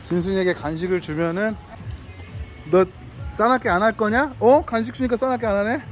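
A man's voice: sits high, a little fast, faint music behind. A man vlogging outdoors, chatting playfully with dogs and their owner in a coaxing, friendly way and laughing often. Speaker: delivery driver vlogger. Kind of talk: casual talk to dogs and owner.

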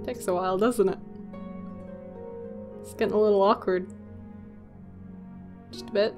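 A woman's voice: medium pitch, fairly even intonation, unhurried, music in the background. A woman in her twenties giving casual, sarcastic commentary as she plays a game. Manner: wry, sarcastic. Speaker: let's play host.

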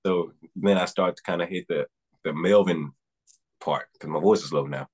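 A young man appears as a guest singer on a casual interview, speaking over a webcam video call from a room in his home. His voice sits very low with a husky grain, and he talks at a normal pace, earnest and rambling, restarting sentences and using fillers.

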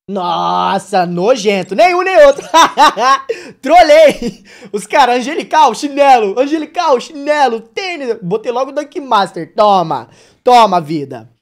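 Slangy young male game streamer. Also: on the high side. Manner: slangy, playful, jokey banter with chat. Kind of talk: casual gaming livestream chat.

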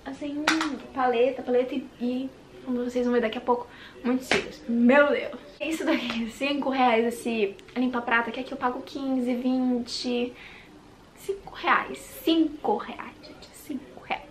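Brazilian woman, beauty vlogger, high bright voice, gushes over products and slips into whispers, light background hiss. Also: unhurried. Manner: gushing and excitable, dropping into whispers. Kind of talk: casual makeup haul vlog. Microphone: handheld compact camera.

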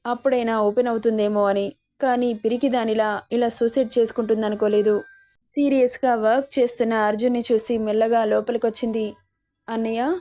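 Woman narrating a love story, warm and even. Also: fairly high pitch, brisk, no echo.

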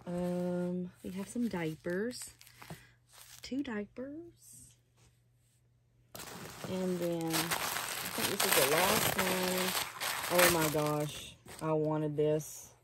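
An older woman chatting slowly and fondly in her small hobby room at home, gushing as she opens a doll box. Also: fairly low pitch, background noise. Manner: chatty, softly gushing, slow and unhurried. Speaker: reborn doll collector. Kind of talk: casual unboxing chat.

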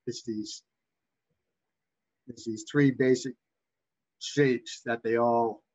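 Husky Boston-accented man, halting lecturer. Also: mid-range voice, muffled recording. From Massachusetts, USA. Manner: halting, backtracking delivery. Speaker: bird identification instructor. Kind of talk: informal slide lecture.

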